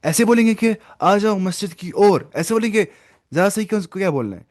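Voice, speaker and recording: A man with a fairly high voice leads an online language class. He explains each point step by step and slips English words into his teaching. He often stops to quiz his students by name. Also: lively intonation, darkish tone. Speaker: Arabic teacher.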